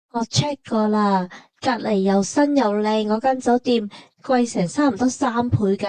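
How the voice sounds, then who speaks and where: Speaking with a Hong Kong Cantonese accent, a woman narrates casual travel content in a relaxed, mellow, slightly high voice. Her colloquial, matter-of-fact delivery resembles scripted banter between companions, captured in a close, dry recording without echo.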